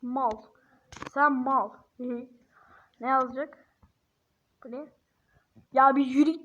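A high-voiced woman chats through a video in an unhurried, drawn-out way. She teases and bursts out in exasperation, laughing often and stretching words slowly as she dictates. The recording sounds dull and lo-fi. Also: fairly even intonation, sharp tone. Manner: teasing, exasperated outbursts and frequent laughter; drawls words slowly while dictating what to type. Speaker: YouTuber. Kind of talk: casual screen-recording commentary.

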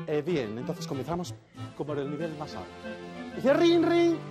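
A man performing a stand-up routine on a TV show in a mock-lecturing, teasing manner, jumping into high voices for the characters in his jokes. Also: brisk. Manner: mock-pompous, teasing the audience, acts out joke characters with sudden high voices. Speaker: stand-up comedian on a TV game show. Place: television studio before a live audience. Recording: TV studio with loud crowd and music. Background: audience laughter and applause, music.

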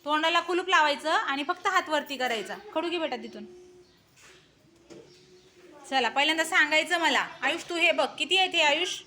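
A woman teaching a class of young children, coaxing and praising them and urging them to answer loudly. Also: high voice, lively intonation, normal speed, long pauses. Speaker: primary school teacher. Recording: noisy classroom recording.

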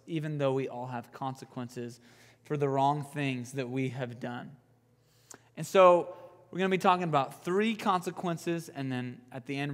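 A young man preaching a youth sermon, an animated storyteller who jokes and uses fillers. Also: medium pitch, big-room sound. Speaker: youth pastor. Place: youth group room.

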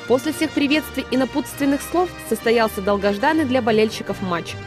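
A woman's voice: fairly high pitch, lively intonation, a little fast. A woman reporter reading a scripted sports news narration. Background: music.

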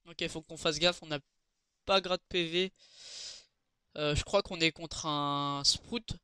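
A man talks through his game in a casual, chatty way, stumbling over fillers and restarting his sentences. His voice is bright and very clean, a touch high for a man. It is recorded close and dry, with no room sound. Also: steady tone, slow, smooth, no room sound. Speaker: gaming channel host. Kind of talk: casual gameplay commentary.

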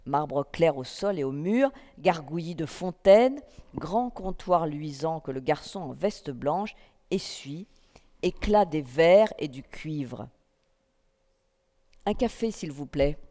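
A woman reading a literary text aloud at a festival, in a calm, measured first-person narration. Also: low-pitched. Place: festival stage in a hall. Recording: long reverb of a hall.

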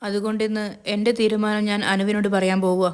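A woman's voice: mid-range voice, flat delivery, a little fast, a little mellow, smooth, close to an everyday voice. A woman voicing a young male office boss who talks earnestly and pleadingly to the woman he loves.

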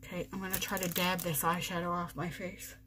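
A woman in her forties vlogs from her bedroom, applying makeup on camera while chatting, joking at her own expense, and describing every step. She has a lowish voice with a level tone, talks fairly quickly, and there's background noise.

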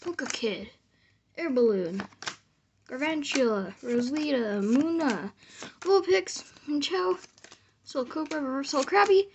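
A woman's voice: high voice, lively intonation, takes it slowly, long pauses. A woman giving casual commentary as she hosts a card-opening vlog. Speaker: card-opening video host. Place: small indoor room at home. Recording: clearly noisy, card wrapper crinkling. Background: noise, crinkling and clicks of card packs.

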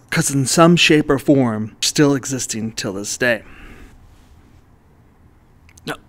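Calm male voice-over narrator. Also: medium pitch. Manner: explanatory, walks the listener through ideas step by step. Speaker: narrator of an art history video.

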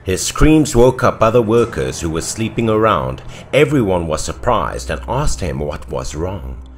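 Deep-voiced man narrating a horror tale. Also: sing-song, measured pace, faint music behind. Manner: dramatic storytelling with swings in pitch and loudness. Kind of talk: scripted horror story narration.

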